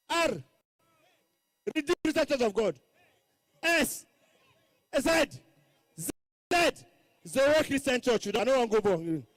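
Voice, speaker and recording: A man's voice: very high-pitched, no room sound. A Nigerian man giving a rally speech as master of ceremonies, calling out to the crowd from the stage in repeated phrases and slipping into Pidgin.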